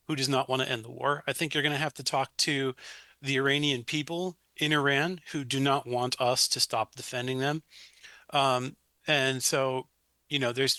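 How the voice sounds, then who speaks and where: A man speaks at a council podium microphone, his voice bright and forward. He argues earnestly, stopping often for fillers and restarts. The sound is close and dry, with little room. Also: medium pitch, no echo. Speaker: public commenter. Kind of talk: public comment at a city council meeting. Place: city council chamber.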